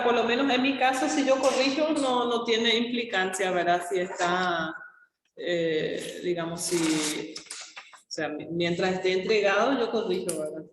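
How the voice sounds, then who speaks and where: A woman's voice: medium pitch, slight background noise. A woman lecturer talking casually and a little hesitantly to an online class, in an echoey classroom with a cathedral-like echo. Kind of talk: casual spoken class talk. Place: classroom with heavy echo, on a live video class. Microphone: open device mic, no headset.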